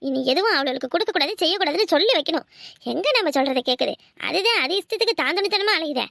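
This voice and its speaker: A woman's voice: very high-pitched, lively intonation, fast, vocal fry, a bit bright, no echo, studio quality, exaggerated voice. A woman voicing nosy village women in a cartoon, gossiping scornfully about a neighbour's household. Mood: spiteful. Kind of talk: cartoon voice acting.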